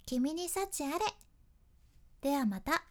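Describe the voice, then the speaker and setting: Lively high-voiced woman with a Hakata accent. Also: slow. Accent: Hakata dialect. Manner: chatty and friendly, explaining step by step with dialect phrases. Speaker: radio host and voice coach. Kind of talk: talk-radio voice lesson.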